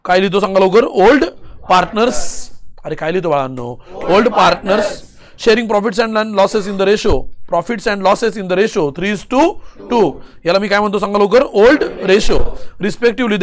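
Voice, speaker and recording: A man teaching commerce with a Marathi accent and a fairly high voice. He drills his students with rapid-fire questions, supplies the answers himself, and keeps pushing them to answer louder. He reads the problem text out slowly and mixes Marathi with English. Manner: urges students to answer loudly; switches between Marathi and English. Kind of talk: classroom accounting lesson.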